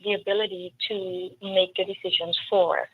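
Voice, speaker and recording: Speaking as a political candidate, this Trinidadian woman gives interview answers with earnest emphasis and occasional storytelling digressions. Her pitch is medium and her tone level, at a moderate pace, slightly rough but without echo. Faint noise runs under a tinny, phone-like sound.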